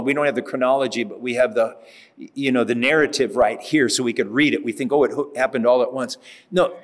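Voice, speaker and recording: Man preaching in a reverberant church. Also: medium pitch. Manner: conversational Bible teaching with emphatic rises. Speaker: pastor. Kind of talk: sermon.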